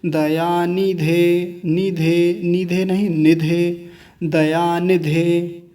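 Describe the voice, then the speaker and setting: Slow, mellow male Sanskrit teacher. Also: sits high, little pitch movement, recorded from a distance. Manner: slow, deliberate syllable-by-syllable demonstration; contrasts wrong and right pronunciations repeatedly. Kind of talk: recorded online class.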